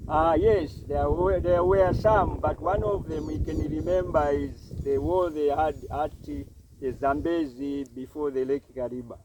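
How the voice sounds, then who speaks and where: A man's voice: on the high side, fairly even intonation. Man interpreting, mic far off. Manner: translates in halting phrases. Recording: windy outdoor recording, distant mic, boat noise.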